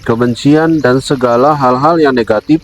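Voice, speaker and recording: A man's voice: mid-range voice, a little hiss or hum, poor audio. Solemn man leading a devotional. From Indonesia. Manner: solemn, measured, addresses listeners as brother. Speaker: devotional speaker.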